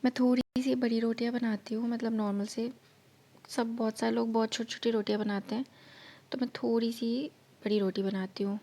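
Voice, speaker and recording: A woman's voice: a little high, little pitch movement, fairly quick, mellow, a little hiss or hum. A woman narrating her cooking vlog, explaining each step in a chatty way, her throat slightly sore. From India. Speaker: vlogger.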